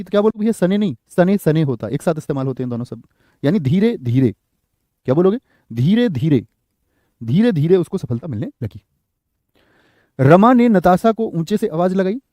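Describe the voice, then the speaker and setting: Male grammar tutor, fairly high mellow voice, quizzes the class, dry close sound. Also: dry recording. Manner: keeps asking the class questions and checking with "theek hai"; repeats the corrected sentence slowly for emphasis. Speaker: Hindi grammar teacher. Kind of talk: live online class, answering chat.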